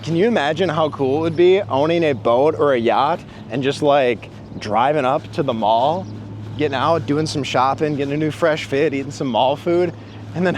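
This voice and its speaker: A man filming a casual travel vlog while walking around a city waterfront and a busy market, talking excitedly with lots of fillers. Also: a little high. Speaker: travel vlogger. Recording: loud street and traffic noise.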